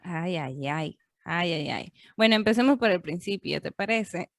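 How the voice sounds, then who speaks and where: A woman's voice: lowish voice, lively intonation, measured pace, a bit bright, dry recording, studio quality. A woman hosting an interview podcast, friendly and reacting with small exclamations. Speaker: podcast host. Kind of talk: casual interview.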